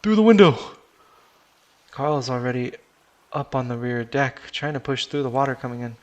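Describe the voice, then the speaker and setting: A man's voice: medium pitch, little pitch movement, a little fast, muffled recording. Casual man narrating a first-person story. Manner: casual, swears, restarts sentences.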